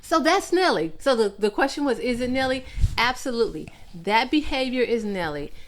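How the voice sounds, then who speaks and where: A woman's voice: a little high, expressive, normal speed. A middle-aged woman co-hosting a podcast, emphatic and opinionated in casual chat, laughing often. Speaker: podcast co-host.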